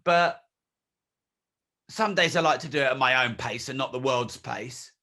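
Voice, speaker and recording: Bright, emphatic man in his forties. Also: mid-range voice, normal speed. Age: 40s. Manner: emphatic, blunt, swears freely. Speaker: interview guest. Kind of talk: candid conversational interview.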